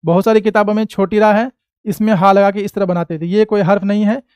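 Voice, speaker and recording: A man with an Indian Hindi accent teaching an Urdu class, patiently asking questions and answering them himself, saying each sound slowly. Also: high voice, fairly even intonation, darkish tone, clear, resonant tone, no room sound. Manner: patient, asks and answers his own questions. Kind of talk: classroom lesson.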